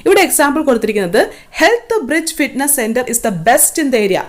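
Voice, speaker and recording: A woman with a Malayali accent giving a patient, step-by-step English grammar lesson over slides. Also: sits high. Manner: patient, explains step by step with worked examples.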